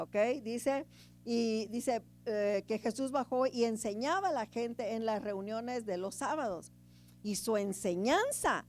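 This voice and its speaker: A woman preaching a sermon in a chatty teaching tone, often checking in with the congregation and swinging between loud emphasis and quiet asides. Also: on the high side. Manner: conversational, keeps asking the congregation "right?".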